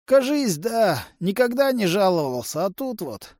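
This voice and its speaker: A man's voice: sits high, big pitch swings, measured pace, a little mellow, no echo, studio quality, pitched above the performer's own voice. A man voicing a weak, dying old man who grumbles in resignation. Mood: resigned.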